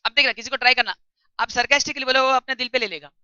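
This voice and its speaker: A woman tutor giving a classroom lecture, reading English text slowly and explaining it in chatty while quizzing her students. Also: sits high, bright, forceful tone, clear, resonant tone, dry recording. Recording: dull lo-fi recording.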